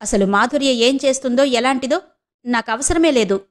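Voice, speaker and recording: A woman's voice: high-pitched, normal speed, lightly acted. A woman voicing a cold, dismissive young man who answers his mother curtly. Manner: curt, dismissive.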